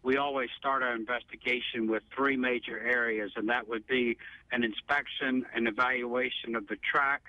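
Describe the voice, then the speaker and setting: Flat-voiced male company spokesman. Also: medium pitch, dry recording, lo-fi sound. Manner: measured, official, with many fillers. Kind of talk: news interview soundbite. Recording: on-location outdoor noise.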